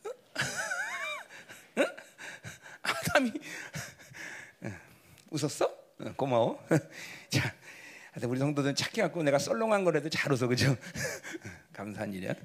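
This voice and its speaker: A middle-aged man preaching a sermon as pastor. He is emphatic, keeps asking the congregation "right?", and swings between shouting and low murmurs. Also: wildly swooping pitch, unhurried, breathy edge.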